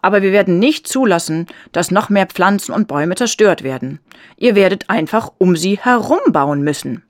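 A woman voicing a firm young man in a children's story, speaking up loudly. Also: medium pitch, animated, normal speed, dry recording, close to an everyday voice.

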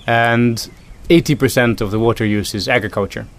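Man with a thoughtful, halting manner. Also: mid-range voice, fairly even intonation. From Netherlands. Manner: thoughtful, many ums and restarts. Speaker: food system consultant. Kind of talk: interview answers.

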